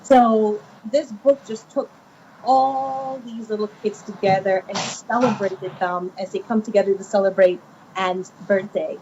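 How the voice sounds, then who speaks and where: A woman from Guyana, a children's author in her thirties, telling her stories in an animated conversational interview with many fillers. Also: mid-range voice, measured pace. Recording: muffled lo-fi with faint noise.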